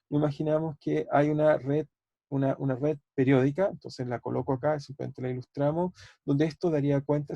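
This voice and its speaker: Chilean prof teaching online, dark gravelly husky voice, repeats himself a lot, keeps quizzing the class. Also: male voice, a little high, no room sound. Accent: Chilean Spanish. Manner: thinking aloud, repeating words, asking students questions. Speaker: physics professor. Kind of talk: online university lecture.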